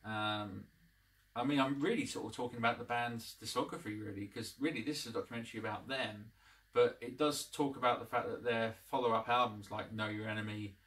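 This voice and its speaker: A man's voice: medium pitch, fairly even intonation, a little fast, a bit bright, distant mic. A man in his thirties hosting a casual to-camera review at home, rambling with lots of ums and restarts. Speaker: channel host, reviewer. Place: living room at home. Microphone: camera across the room.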